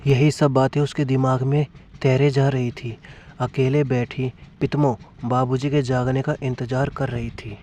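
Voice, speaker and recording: A man narrating a family story in a steady, even reading style. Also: mid-range voice, unhurried, a little hiss or hum.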